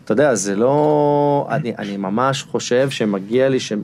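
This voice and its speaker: An actor playing a flustered, insecure male director who stammers and whose voice climbs high when he gets upset, in a scripted comedy audio drama. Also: a little mellow, slight background noise, close to an everyday voice. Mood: hesitant.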